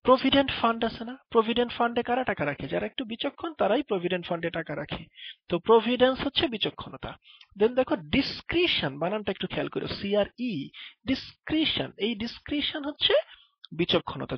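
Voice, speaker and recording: A man's voice: high voice, breathy edge, no echo. A man teaching vocabulary, explaining each word with playful memory tricks and speaking straight to the student. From Bangladesh. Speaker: vocabulary tutor. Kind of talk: spoken vocabulary lesson. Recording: dull lo-fi dry recording.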